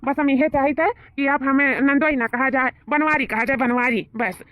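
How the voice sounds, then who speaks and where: A woman's voice: high voice, steady tone, moderate pace, fairly bright tone, a little hiss or hum. A woman playing a smug flirtatious village man. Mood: flirting. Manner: wheedling, boastful. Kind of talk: comedy sketch acting. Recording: tinny phone-like sound.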